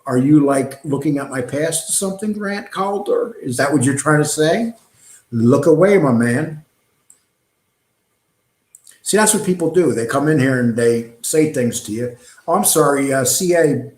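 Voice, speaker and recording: A middle-aged man talks loosely through a live stream, drifting between topics and filling pauses with ums. His voice sits a little high for a man. The room around him is echoey and hollow. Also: expressive, a little mellow. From New York. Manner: talkative, digressive, frequent ums and uhs. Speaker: host reading live chat. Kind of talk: casual live-stream chat.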